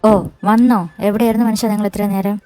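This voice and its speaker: A woman voicing a sharp-tongued wife who nags and scolds her husband in a fan audio drama. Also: mid-range voice, steady tone, fairly quick, dry recording, soft background music, lightly acted. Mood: scolding. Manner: nagging, scolding.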